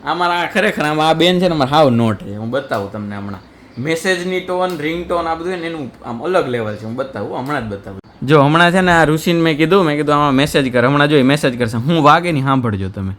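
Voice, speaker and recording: Young man, teasing vlog chat, slightly high voice, faint room hum. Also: lively intonation, fast talker, fairly bright tone. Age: young adult. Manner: joking, teasing, chatty. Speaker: vlogger. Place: family home indoors.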